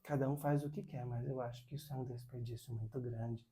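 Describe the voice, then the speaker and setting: A man voicing a calm, wise older male monk who speaks slowly and softly. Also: medium pitch, pitched below the performer's own voice, natural voice. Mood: earnest. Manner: slow, soft, measured speech.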